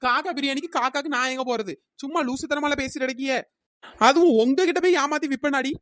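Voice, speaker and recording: A woman voicing a sly, fast-talking village girl. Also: high-pitched, no room sound, lightly acted. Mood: indignant. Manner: quick, scolding and sly, switching to sweet pleading. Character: scheming village girl who sells fake biryani. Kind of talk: cartoon voice acting.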